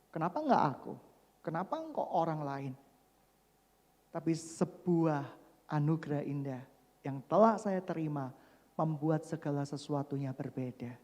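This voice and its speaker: A male pastor preaching a sermon, swinging from loud emphatic declarations to soft hushed asides, and adding joking remarks. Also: a little high. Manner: jokes and mimics people mid-sermon. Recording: long reverb of a large hall.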